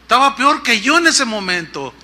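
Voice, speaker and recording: A man's voice: very high-pitched, very animated, normal speed, bright, forceful tone. A middle-aged man preaching a sermon, telling a personal story and acting out the voices of the people in it. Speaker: pastor.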